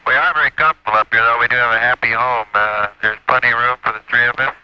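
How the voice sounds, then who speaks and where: A man's voice: medium pitch, fairly even intonation, fast. A man, an astronaut, talking as a pilot over a radio link in clipped, matter-of-fact transmissions. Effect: pilot speaking over a crackly space radio link. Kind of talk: terse radio transmissions, then relaxed chat. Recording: muffled archival radio with static hiss.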